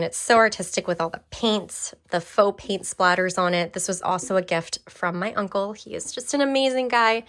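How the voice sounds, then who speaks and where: A woman's voice: mid-range voice, fairly bright tone. A young woman casually chatting through a tour of her craft room, enthusiastic and full of fillers and restarts. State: briefly out of breath. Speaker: craft vlogger.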